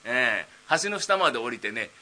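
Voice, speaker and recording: A man voicing a dim-witted idle young man nearly thirty, rambling slowly in rakugo storytelling. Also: medium pitch, very animated, bright, forceful tone.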